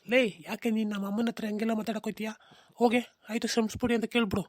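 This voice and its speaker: A woman's voice: on the high side, racing, dry recording, clean studio sound, close to an everyday voice. A woman voicing a grown son and husband in a comic cartoon, placating his mother and scolding his wife. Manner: flat, placating, mildly scolding.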